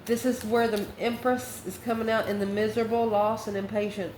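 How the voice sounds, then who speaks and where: A woman with a fairly high, slightly dark voice speaks a little fast and with little pitch movement. Giving a casual tarot reading on the spot, she addresses the viewer in a conversational, exclamatory way. The echoey room carries faint background noise.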